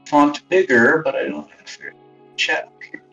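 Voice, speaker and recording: On a live stream, a man talks casually at a measured pace, his high-leaning, slightly bright voice swooping wildly in pitch and edged with vocal fry. He rambles, swears, mocks himself and often mutters under his breath. The distant, lo-fi audio comes from a phone acting as a wireless webcam mic, sounding boxy like speakerphone inside a box, over faint background music.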